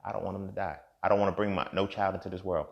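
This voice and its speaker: A man in his thirties giving a profane, impassioned monologue as a podcast host, swinging from low muttering to loud outbursts. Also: steady tone, very fast, vocal fry, lo-fi sound. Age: 30s.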